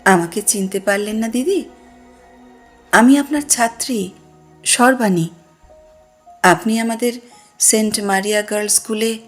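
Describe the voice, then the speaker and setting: Casting: a woman playing an eager middle-aged ex-pupil, welcoming, slow and husky. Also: medium pitch, expressive, faint music behind.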